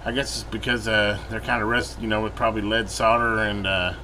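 Poor audio captures a middle-aged American man with a lowish voice talking fairly quickly. The repair channel host rambles casually through his repair commentary at an indoor workbench, thinking aloud in a folksy style, over a steady air-conditioner-like room hum.

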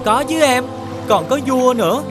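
A woman's voice: high voice, lively intonation, moderate pace, over loud music. A woman voicing a bossy older prince brother in a cartoon, scolding.

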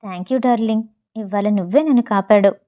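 A woman voicing a nervous, flustered young woman who speaks in hushed tones. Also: mid-range voice, brisk, phone-quality sound, lightly acted.

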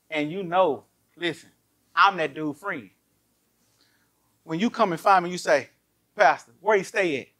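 A pastor preaches to his church in a high, bright voice. He is animated and keeps throwing rhetorical questions at the room. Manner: animated, asks the congregation many rhetorical questions. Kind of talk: lively sermon.

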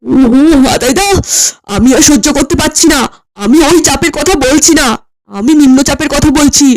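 A harried young cartoon husband, voiced by a woman, urgent and pleading in tone. The pitch is pushed lower than her naturally high voice. It is a light comic cartoon read. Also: normal speed, darkish tone, close to an everyday voice.

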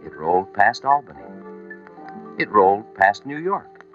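A man reads a children's story aloud at an unhurried pace, his fairly low voice rising and falling with lots of expression. The recording sounds muffled, like an old vinyl storybook record, and faint music plays underneath. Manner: slow, expressive reading with lively, rising and falling pitch. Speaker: narrator. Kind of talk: storybook narration.

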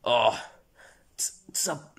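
Man doing a low, gruff Bowser father. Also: fairly bright tone. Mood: remorseful. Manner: low, slow, dramatic. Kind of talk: comedic fan parody acting.

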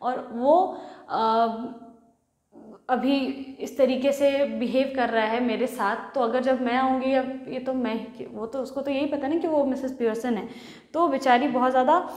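A woman teacher with a fairly high voice retells a play scene by scene in a storytelling manner, mixing Hindi and English. She sounds as if recorded in a reverberant room, with a strong echo and a long tail. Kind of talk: explaining a play in a lesson.

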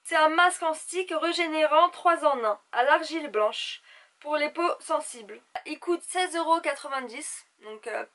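A young woman with a high voice, gossiping to the camera like she would with her girlfriends. Her delivery is animated and theatrical, in a casual vlog chat style. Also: measured pace. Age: young adult. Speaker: beauty vlogger. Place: small indoor room at home.

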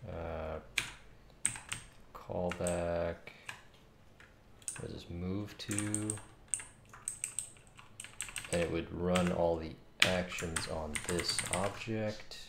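During a coding livestream from a small room at home, a game developer in his thirties mutters casually as he thinks aloud. His low, creaky voice stays steady, extremely slow, with long pauses. The room sounds roomy, with faint noise and keyboard clicks.

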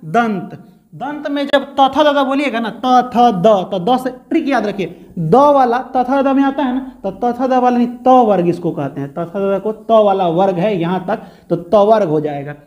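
A man's voice: high-pitched, lively intonation, a little slow, a little mellow. A male teacher, giving a step-by-step grammar lesson to students and answering his own questions as he goes. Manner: explains step by step, asks questions and answers them.

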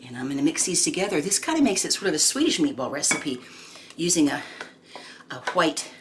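A woman in her sixties, hosting a home cooking video in casual chat, homey and chatty with many pauses and ums. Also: low-pitched, very animated. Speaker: home cooking channel host. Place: home kitchen, indoors. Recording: noisy home kitchen recording. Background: clinking dishes and pans.

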